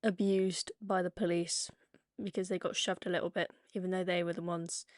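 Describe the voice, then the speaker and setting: A woman's voice: lowish voice, flat delivery, normal speed, no room sound, studio quality. A woman commenting over video clips in a sarcastic tone, often hesitating with "uh" and "um". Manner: sarcastic, hesitant with many fillers. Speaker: online political commentator.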